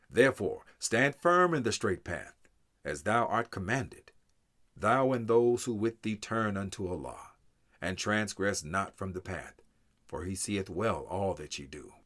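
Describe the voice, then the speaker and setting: Reading scripture aloud in English, a man with a lowish voice speaks solemnly and at a measured pace. His deliberate phrases start with emphasis and then fade away at the close.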